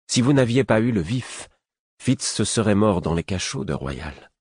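A man reading the part of a soft-spoken, composed queen in an audiobook, speaking gently and earnestly. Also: lowish voice, big pitch swings, normal speed, slightly rough, no room sound, clean studio sound, voice pushed up.

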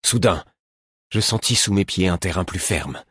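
Male audiobook narrator, steady and measured; low, husky, dry close sound. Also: no room sound. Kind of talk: scripted narration.

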